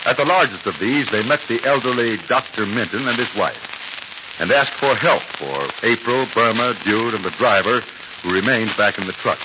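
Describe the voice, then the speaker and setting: A man's voice: lowish voice, normal speed. An American man announcing in 1940s old radio style, talking like a chummy salesman addressing children. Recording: noisy, muffled 1940s radio recording.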